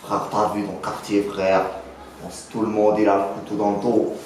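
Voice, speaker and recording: A man's voice: on the low side, completely flat delivery, normal speed, a little mellow, close to an everyday voice. A man playing a boastful young neighborhood dealer in a mock interview, rambling in French street slang full of filler words. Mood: self-justifying. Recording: very echoey room, faint noise.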